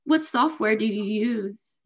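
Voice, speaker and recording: A woman's voice: mid-range voice, takes it slowly, muffled recording. A young woman hosting a student podcast, bubbly and enthusiastic in an upbeat way. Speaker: podcast host.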